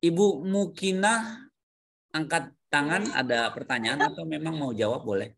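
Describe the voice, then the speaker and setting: A man runs an online English grammar class for adults by video call, his medium-pitched voice fairly quick, creaky, bright, and forceful, with a bit of hiss or hum in the audio. He draws answers from students, echoes them back, and weaves English words into what he explains.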